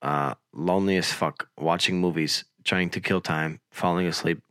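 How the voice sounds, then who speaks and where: A man's voice: low voice, fairly even intonation, normal speed, a bit bright, no room sound. A young man hosts a podcast while fighting a cold. He rambles and jokes in loose casual chat and swears freely. The sound is dry and close. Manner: rambling, joking, swears often. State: has a cold, voice lower and rough. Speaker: podcast host.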